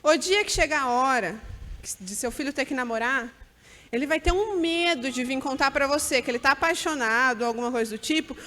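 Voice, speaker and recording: A woman's voice: high voice, animated, brisk, sharp tone, in a large hall. A woman giving an earnest, direct church talk to mothers. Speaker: church speaker at a mothers' gathering.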